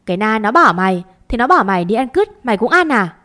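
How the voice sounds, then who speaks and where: A woman voicing a sharp-tongued older mistress who scolds and curses her servants in a storybook reading. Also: medium pitch, fairly quick, lightly acted. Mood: angry.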